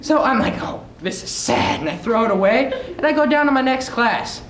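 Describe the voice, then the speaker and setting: Performing a comic story as a speech, a teen student acts out the lines animatedly for an audience. His male voice is very high, expressive and a bit bright, at normal speed. He's in a large echoey indoor room, and the recording is very noisy with heavy echo.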